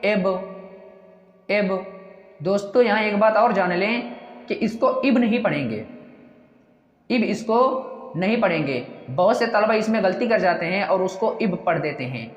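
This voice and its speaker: A teacher walks through a reading lesson one step at a time, asking each question aloud and then answering it twice. The voice sits at an ordinary middle pitch. It is recorded with a dull, lo-fi tone and a long, roomy reverb. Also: animated, normal speed.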